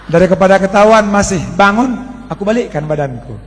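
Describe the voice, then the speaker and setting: Brief: high-pitched male pastor, lively colloquial sermon, echoing through a large church hall. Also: brisk, slight background noise. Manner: animated, colloquial, addresses the congregation as "saudara". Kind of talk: storytelling sermon. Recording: long reverb of a large hall.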